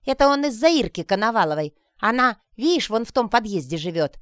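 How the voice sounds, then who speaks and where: A woman doing a shrill gossipy old granny. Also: big pitch swings, fairly quick, no echo, clean studio sound. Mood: scolding. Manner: loud, scolding, shrill. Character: gossipy old grandmother in a crowd.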